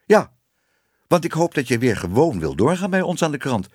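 A man's voice: fairly high pitch, big pitch swings, normal speed, a little mellow, husky, no echo, studio quality, pitched above the performer's own voice. A man reading a storybook, voicing a stern but fair newspaper editor who lectures firmly. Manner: firm, lecturing, then kindly.

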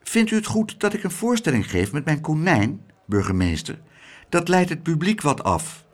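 A man's voice: sits high, lively intonation, normal speed, pitched above the performer's own voice. A man reading aloud, voicing a timid, worried young girl in a children's story. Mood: shy. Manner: timid, fretful.

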